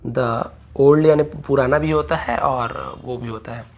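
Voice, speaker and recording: A man teaching English grammar in Hindi, explaining step by step, asking and answering his own questions and slowing right down to dictate English phrases. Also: medium pitch, steady tone, darkish tone. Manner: drawn-out slow dictation when writing English phrases.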